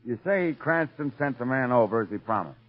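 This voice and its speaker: An actor playing a baffled, plain-spoken police commissioner in a 1930s radio drama, on a muffled old recording. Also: male voice, medium pitch, animated, fairly quick, natural voice. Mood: baffled, weary.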